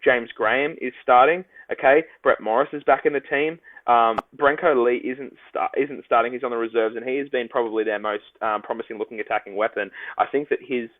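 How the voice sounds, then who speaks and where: A young man hosting a solo sports-betting podcast, talking rapid-fire like an auctioneer. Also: medium pitch, fairly even intonation, dry recording. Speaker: podcast host, sports tipster. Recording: dry, phone-like lo-fi audio.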